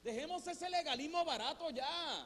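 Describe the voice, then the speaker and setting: A pastor preaching a lively, conversational sermon, full of rhetorical questions. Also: male voice, very high voice, moderate pace, long reverb tail. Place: church sanctuary.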